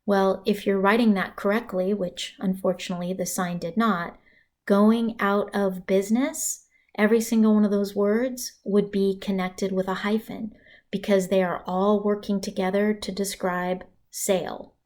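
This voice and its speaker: A writing instructor teaches punctuation in a recorded slide lecture, her mid-range voice slightly mellow and showing little pitch movement. She speaks conversationally, adding casual asides and dramatic pauses for emphasis.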